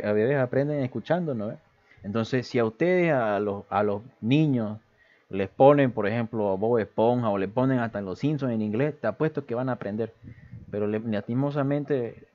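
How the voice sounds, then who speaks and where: A man teaching aviation English on a casual livestream, greeting viewers and reading English phrases aloud between explanations. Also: fairly low pitch. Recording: dull lo-fi stream audio.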